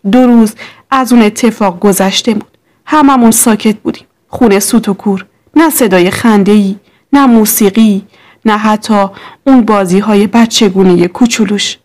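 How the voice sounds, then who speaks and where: A woman telling a dramatic first-person story as scripted narration in a measured way. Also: mid-range voice, a little mellow.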